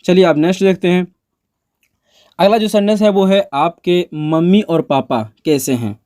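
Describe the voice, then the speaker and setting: A man teaching spoken English, speaking slowly and repeating each example sentence for learners. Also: sits high, dark tone.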